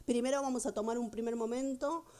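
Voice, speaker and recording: A woman conducting an academic interview, asking questions in a measured, explanatory way. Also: on the high side, steady tone, warm tone.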